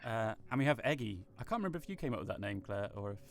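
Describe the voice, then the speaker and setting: Man, game master, relaxed, laughs often, low voice, faint music behind. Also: very fast, creaky. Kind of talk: casual chat hosting a tabletop game stream.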